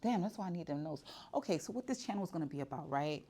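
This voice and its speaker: A woman in her 40s vlogs candidly and casually to the camera in her shop, her deep voice expressive and fast over background noise. Her talk is personal and full of fillers and restarts.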